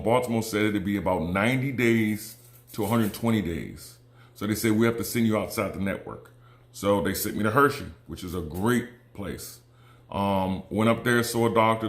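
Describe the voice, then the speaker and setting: A man and combat veteran talking casually to viewers, earnest and halting, with many ums and restarts that give way to emphatic, persuasive pushes. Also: on the low side, roomy sound. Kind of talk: casual direct-to-camera talk.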